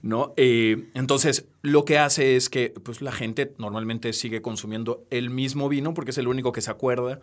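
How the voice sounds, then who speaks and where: A middle-aged man from Peru, a podcast guest who explains calmly and often ends with a tag question. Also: mid-range voice, normal speed, few pauses. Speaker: podcast guest, tech entrepreneur. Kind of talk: casual interview talk.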